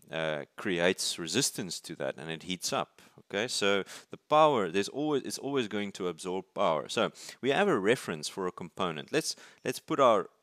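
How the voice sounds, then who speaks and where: A man with a very low voice teaches a circuits lesson as he draws on paper. He thinks out loud, stumbles and restarts words, and often checks in with "right?". The sound is dry, with no room echo. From South Africa. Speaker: university lecturer. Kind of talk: explaining while drawing circuits. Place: at a desk, filming paper from above.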